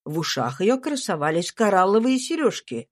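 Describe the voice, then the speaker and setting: A woman reading a classic novel aloud in even, measured storytelling. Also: medium pitch. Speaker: audiobook reader. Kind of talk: scripted narration of a classic novel.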